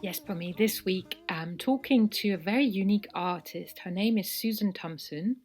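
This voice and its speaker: A woman's voice: mid-range voice, moderate pace, darkish tone. A woman co-hosting a podcast, introducing a guest with enthusiastic explanations. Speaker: podcast co-host and interviewer. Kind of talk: podcast presenting.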